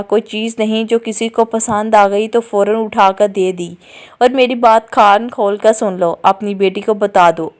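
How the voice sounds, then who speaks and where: A woman's voice: medium pitch, a little mellow, clear, resonant tone, natural voice. A woman reading a stern, scolding old father. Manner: scolding, commanding. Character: stern angry older father, head of household.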